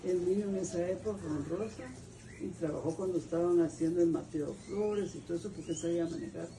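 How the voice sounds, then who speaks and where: Older woman, Guatemalan accent, gravelly, rambling storyteller, distant mic, noisy with cooing pigeons. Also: lowish voice, brisk, dark tone. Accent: Guatemalan Spanish. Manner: rambling storyteller, restarts and hunts for names. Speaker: family elder interviewed about family history. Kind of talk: oral history interview.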